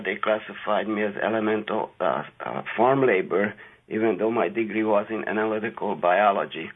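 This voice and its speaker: An older man from Hungary, a guest scientist on a radio interview, talking haltingly with many fillers. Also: on the low side, husky. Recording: tinny phone-like radio audio.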